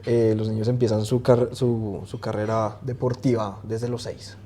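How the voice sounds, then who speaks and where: A man in his twenties, a guest talking casually in an interview and often pausing with fillers and restarts. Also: on the low side. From Colombia. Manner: relaxed, hesitant, many fillers and restarts. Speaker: guest swimmer.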